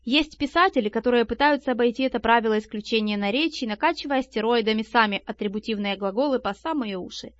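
A woman narrating a nonfiction audiobook in a lively, expressive reading voice. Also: fairly high pitch, quick pace, hardly any pauses, no room sound. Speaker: audiobook reader. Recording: dull, lo-fi and dry.

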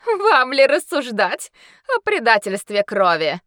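A woman's voice: medium pitch, lively intonation, normal speed, fairly bright tone, dry recording, studio quality, voice pushed up, natural voice. A woman voicing a proud female werewolf noblewoman with a ringing, melodious voice. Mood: furious. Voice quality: ringing, melodious, snarling when angry.

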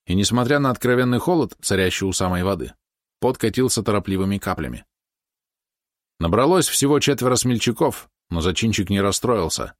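A male audiobook narrator with a low voice and a steady, even storytelling delivery. The sound is dry and close, with no room echo. He reads with scripted care.

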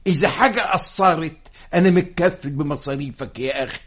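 An actor playing a stern, domineering middle-aged fez-maker father, speaking with an Egyptian accent in a radio drama, his voice a little husky. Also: on the high side, brisk, fairly bright tone. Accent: Egyptian Arabic. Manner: domineering, blustering.

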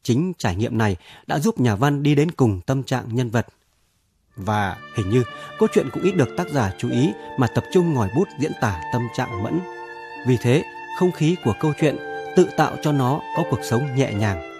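A man, a radio program editor, giving a measured literary commentary on a short story. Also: medium pitch, animated, over music. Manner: measured, explanatory reading.

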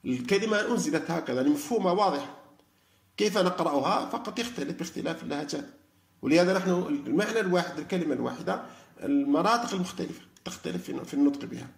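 A man giving a religious lecture, animated and arguing through rhetorical questions. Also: fairly high pitch, racing, vocal fry, roomy sound. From Algeria. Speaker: lecturer on Quran study.

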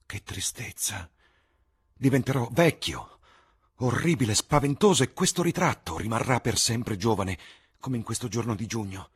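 A man's voice: mid-range voice, lively intonation, moderate pace, breathy edge, pitched above the performer's own voice. A man voicing a vain, desperate young man terrified of growing old, speaking in a strained, impassioned way. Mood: anguished.

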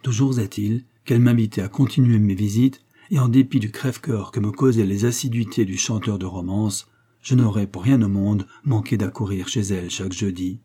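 A man reading a literary short story aloud in a measured, even storytelling manner. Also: lowish voice, breathy edge. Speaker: audiobook narrator. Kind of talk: literary audiobook narration.

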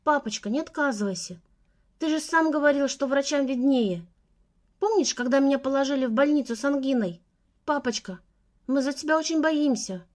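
A gentle young daughter pleads softly, close to tears, voiced by a woman reading the story. Her voice rises higher than the narrator's, an audiobook figure. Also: moderate pace, lightly acted. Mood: pleading. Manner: soft pleading.

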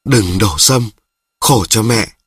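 Man voicing a sharp-tongued young wife, curt, husky, dry room. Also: lowish voice, slow pace, dry recording, exaggerated voice. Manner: curt, matter-of-fact.

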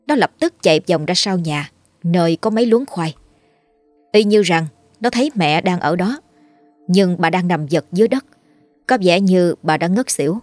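A woman narrating a ghost story in a steady, dramatic storytelling voice. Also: on the low side, moderate pace, dry recording, faint music behind.

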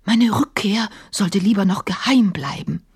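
A woman's voice: high voice, very animated, measured pace, slightly rough, pitched above the performer's own voice, full character voice. A woman voicing a sentimental, apologetic male genie who whispers and murmurs secretively, in a radio drama reading. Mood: whispering.

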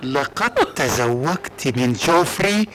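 An actor playing a cold, contemptuous man who is a devil in disguise, in a radio play, speaking in a slow, measured way. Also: mid-range voice, lively intonation. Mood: scornful. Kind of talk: radio drama acting. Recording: very noisy old radio recording.

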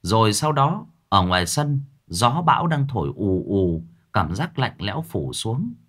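Expressive male ghost-story narrator. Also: lowish voice, unhurried.

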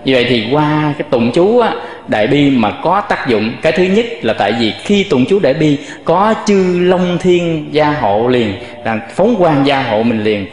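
A man's voice: on the high side, lively intonation, moderate pace. A man who is a Buddhist monk, giving a patient dharma talk and addressing his listeners directly. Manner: explains patiently, often addressing listeners directly, demonstrates chant tones. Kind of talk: dharma talk with chanting demonstrations. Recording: echoey hall with long reverb.

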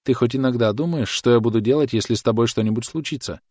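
A man's voice: medium pitch, fast, darkish tone, no room sound, studio quality, lightly acted. A man voicing a bitter, self-pitying mother who nags her grown son in a plaintive, reproachful way.

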